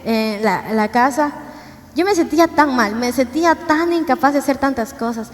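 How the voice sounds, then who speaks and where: High-voiced woman preaching in a hall. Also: expressive, moderate pace. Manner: earnest, conversational, asks the congregation questions. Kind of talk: sermon testimony. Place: church. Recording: church hall reverb, faint ambient noise.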